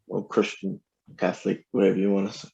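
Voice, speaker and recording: A male rapper chatting casually as a podcast guest. His voice is lowish, soft-edged and mellow, with very little rise and fall, and his manner is relaxed and slangy. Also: fast, creaky, highs cut off. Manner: laid-back, slangy, loosely phrased. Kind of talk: casual chat.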